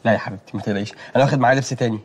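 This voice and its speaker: An actor as a cheerful young Egyptian son. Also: male voice, mid-range voice, very fast, darkish tone, natural voice. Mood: reassuring. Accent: Egyptian Arabic. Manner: cheerful, reassuring, sings a few lines. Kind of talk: Egyptian TV drama acting.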